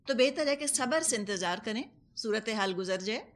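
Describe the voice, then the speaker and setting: This Quran teacher, a woman with a Pakistani Urdu accent, speaks on the high side with lively intonation. In her commentary lesson she explains things patiently through everyday examples, slipping English words into her speech.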